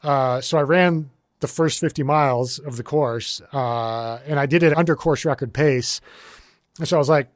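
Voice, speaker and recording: Laid-back American man in his forties, mid-pitched, talks loosely with fillers, dry studio mic. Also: normal speed, no room sound. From United States. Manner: relaxed and rambling, many fillers and restarts. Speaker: guest, ultrarunner. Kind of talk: casual interview conversation.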